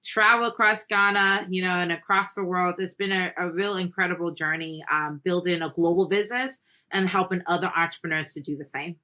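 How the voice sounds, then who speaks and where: A woman raised in the Caribbean speaks as an interview guest, earnest and motivational. Her voice is bright and forceful, pitched a little low for a woman. She fills her talk with "you know" as she builds her points. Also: fairly even intonation, brisk. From Caribbean, Haiti. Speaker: podcast guest, entrepreneur. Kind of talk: conversational interview.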